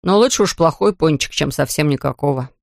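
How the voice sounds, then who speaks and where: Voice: medium pitch, lively intonation, fairly quick, gravelly, dry recording. A reader voicing a cheeky, cheerful young man who jokes casually, read close to a dry studio mic.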